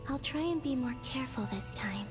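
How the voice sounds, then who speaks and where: Higher-voiced, pensive mystical woman. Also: expressive, a little fast, music in the background. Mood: pensive, resolved. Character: pensive, determined mystical woman thinking aloud. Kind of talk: video game voice acting.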